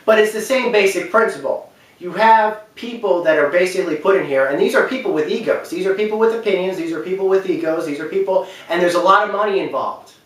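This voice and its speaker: Here a man with a high, fast, slightly bright voice offers unscripted commentary on film and games as a video commentator. He speaks emphatically, repeating phrases for stress, and the sound is distant and heavily echoed by the room.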